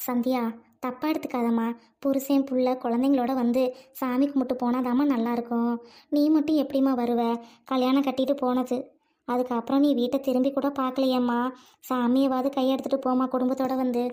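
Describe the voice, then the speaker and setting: Brief: woman as patient village wife, soft and coaxing, family drama skit. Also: sits high, little pitch movement, a little fast, close to an everyday voice. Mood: pleading. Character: gentle village wife, middle-aged.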